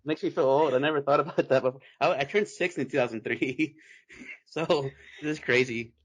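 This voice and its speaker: A man's voice: mid-range voice, a little fast. A man in his twenties from Texas, hosting a casual podcast chat and laughing often. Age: 20s. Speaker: podcast host.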